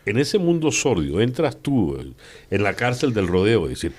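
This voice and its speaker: A man's voice: on the low side, very animated, normal speed, darkish tone. A man hosting a radio interview, asking playful, rambling questions. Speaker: radio host.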